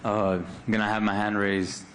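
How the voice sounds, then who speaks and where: Deep, monotone male boxer. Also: moderate pace, a little hiss or hum. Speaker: professional boxer. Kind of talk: casual press conference prediction.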